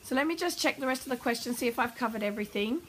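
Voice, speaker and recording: A woman parenting coach answering a viewer's question, explaining calmly and warmly. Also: on the high side, very fast, a little hiss or hum, low-quality recording. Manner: calm, warm explanatory advice.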